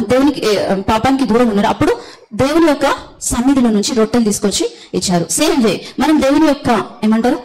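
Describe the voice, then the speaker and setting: A woman preaching a sermon, blunt and forceful, often calling out hallelujah. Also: a little high, poor audio.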